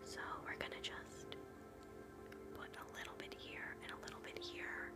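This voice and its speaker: A woman whispering softly through an ASMR scalp-exam role play, chatting gently with live viewers between slow steps. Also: loud music behind the voice. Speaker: ASMR livestream host.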